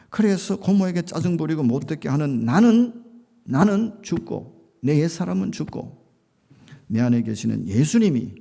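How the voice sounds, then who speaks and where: A man's voice: medium pitch, creaky, mellow. A man preaching a sermon as a pastor, telling a story with rising emphasis and acted-out quotes.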